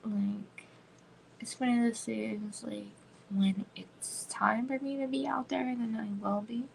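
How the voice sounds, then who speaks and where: Woman in her thirties, home livestream host, gravelly voice, rambling chatty delivery full of "like". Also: on the high side, steady tone, takes it slowly, a little mellow, a little hiss or hum, rough recording. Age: 30s. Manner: rambling, frequent "like" fillers, drops into whispers. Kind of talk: casual chat.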